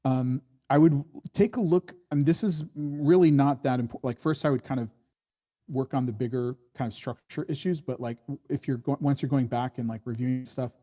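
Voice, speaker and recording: Offering script notes at a screenwriting workshop, this male critic speaks at normal speed in a warm, steady, mid-range voice. He meanders and hedges, often restarting sentences as he thinks aloud about the screenplay.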